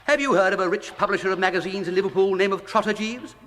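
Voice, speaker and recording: In a British radio comedy, an actor plays an idle, flippant young English gentleman, chatty and breezy, with a plummy upper-class accent and exclamatory period slang. His natural voice is high-pitched and quick. Crowd noise and long, echoing room reverb fill the recording.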